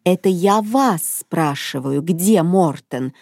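A woman's voice: lowish voice, very animated, a little slow, darkish tone, no echo, studio quality. A woman voicing a strict mother who gives firm orders to her children in a storybook reading. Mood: stern. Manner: strict, commanding. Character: stern mother of many hungry children.

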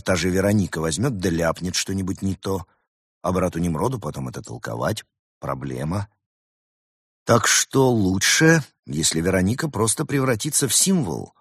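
Deep husky male storyteller. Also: dry recording, studio quality. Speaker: narrator. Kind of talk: scripted audiobook narration of a fairy tale.

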